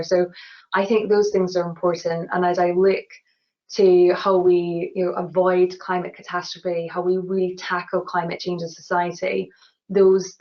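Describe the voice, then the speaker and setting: The guest is an award-winning woman engineer from Glasgow with a Glasgow Scottish accent, earnestly fielding webinar questions with many restarts and "you know"s. Her voice is fairly low and darkish, and the recording is dull lo-fi webinar sound.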